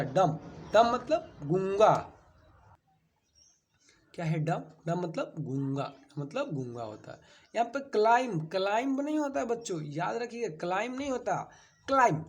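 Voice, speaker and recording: Casting: male teacher, lively rising and falling pitch, repeats words for drilling pupils. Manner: repeats key words, dramatic pitch swings. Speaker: English teacher. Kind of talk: classroom-style vocabulary lesson.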